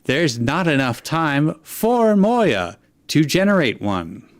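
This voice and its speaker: A man's voice: on the high side, big pitch swings, slow pace, no echo, studio quality. A man playing a formal alien ship pilot. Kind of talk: comedic fanfiction reading.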